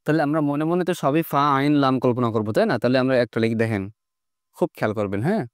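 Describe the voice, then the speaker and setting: Quick-talking man teaching an online lesson. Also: mid-range voice, animated, smooth, no echo, clean studio sound. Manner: explains step by step, keeps quizzing the students.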